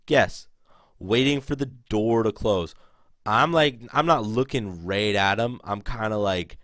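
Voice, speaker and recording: Profane young man with a dry, lowish voice. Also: fairly bright tone, no echo. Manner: rambling, profane, lots of "like" fillers. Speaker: vlogger. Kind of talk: casual storytelling.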